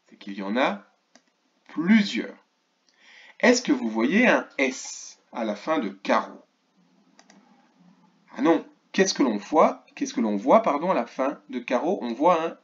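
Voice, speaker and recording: A man teaching a remote lesson to first graders, slowly and clearly sounding out words and asking the class questions. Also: mid-range voice, sing-song, muffled recording. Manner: slow, clearly articulated, stretches key words; asks questions of an absent class. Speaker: primary school teacher.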